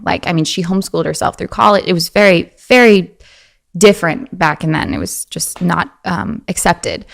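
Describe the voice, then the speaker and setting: A woman in her twenties, an interview guest, chats casually and animatedly, often slipping into a high girlish voice with vocal fry.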